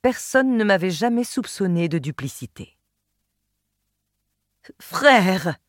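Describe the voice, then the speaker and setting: A woman reading a literary novel aloud in a measured, expressive first-person telling, close to the mic. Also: on the low side, no echo. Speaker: audiobook narrator. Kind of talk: literary audiobook narration.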